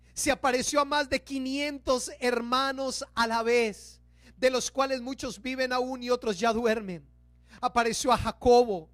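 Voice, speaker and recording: A man preaches an Easter sermon. He speaks with emphasis and slows down on key words. The sound is close and dry, with no room echo. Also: very high-pitched, a bit bright. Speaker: pastor.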